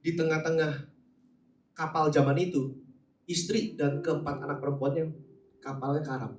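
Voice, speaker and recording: Animated preaching man in an echoey hall. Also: a little high, normal speed, slight background noise. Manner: conversational, animated preaching with asides to the congregation. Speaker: pastor. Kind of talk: sermon. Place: large church hall. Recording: roomy echo, voice from some distance.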